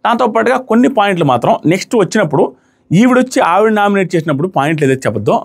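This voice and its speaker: A man with a high voice talks fast as he gives an opinionated episode review. He drives home his points by repeating them emphatically. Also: sing-song, creaky, slightly rough. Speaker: reality show reviewer.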